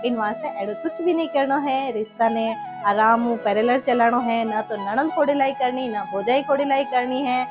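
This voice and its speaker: A woman's voice: fairly high pitch, moderate pace, hardly any pauses, over music. A woman with a Marwari accent hosting a comedy video, chatting to viewers and spelling out the lesson of the story. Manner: didactic, chatty. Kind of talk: addressing viewers, moral outro.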